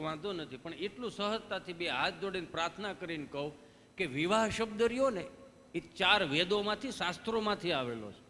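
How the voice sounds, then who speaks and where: A man's voice: high-pitched, a bit bright, big-room sound, a little hiss or hum. A man with a Kathiawadi Gujarati accent performing a live stage comedy monologue, telling folksy stories with preachy asides. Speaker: stand-up comedian.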